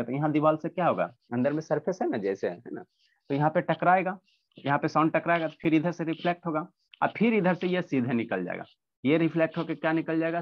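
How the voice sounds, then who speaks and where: A man teaches an online class, posing a question and then answering it himself again and again. His voice sits at an ordinary middle pitch. The sound comes through a dull, lo-fi video call line.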